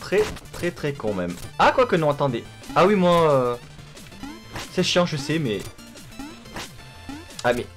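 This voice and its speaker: A man's voice: a little high, very animated, measured pace, pauses often. Guy doing casual lets play commentary, very up and down voice, sweary, faint game music behind. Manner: sweary, self-mocking asides. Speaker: gamer commentating a playthrough.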